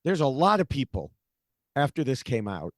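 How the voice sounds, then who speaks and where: A man's voice: medium pitch, very animated, moderate pace, no echo, studio quality. A man co-hosting a political podcast, talking casually with sarcasm and exasperation and lots of fillers. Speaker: podcast co-host.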